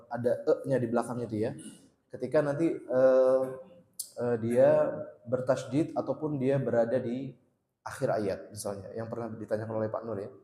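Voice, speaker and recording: A man teaching Quran recitation at a mosque study circle, drilling letter sounds by repeating them slowly and loudly. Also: medium pitch. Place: mosque hall. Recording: echoey mosque hall with long reverb.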